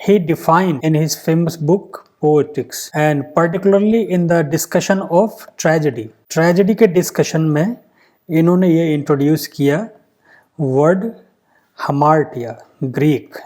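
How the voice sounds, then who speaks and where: Slow-talking male literature teacher. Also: fairly high pitch, a little mellow. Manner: explains step by step, mixing Hindi and English, drawing out key terms. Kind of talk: exam-prep lecture.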